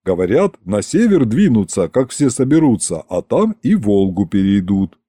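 A burly merchant in a historical fairy-tale audiobook reports with a low bow, speaking in old-fashioned, humble speech, as a male reader puts him on. His voice rises and falls lively and has a dark timbre, with a close, dry sound. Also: moderate pace, slightly rough, dry recording. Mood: respectful. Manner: bowing, old-fashioned and respectful.

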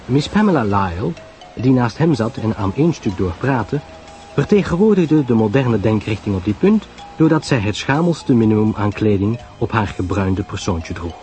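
A man narrating a radio drama in a lively storytelling manner. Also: on the low side, moderate pace, faint music behind.

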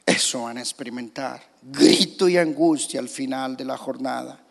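A man's voice: medium pitch, moderate pace, gravelly. A man, a pastor, preaching a sermon in a church with emphatic, dramatic delivery. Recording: reverberant church hall.

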